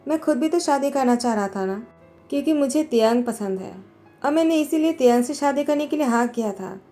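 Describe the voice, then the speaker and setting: A woman reading the part of a young husband who is hurt yet refuses to give way. Her delivery is insistent and pleading, slightly high and mellow, with faint music running under the storytelling recap. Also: animated, fairly quick. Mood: earnest.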